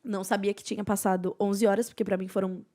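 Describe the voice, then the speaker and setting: A young woman, a podcast guest telling a personal testimony in an earnest, emotional way with soft, hushed passages. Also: mid-range voice, level tone, fast.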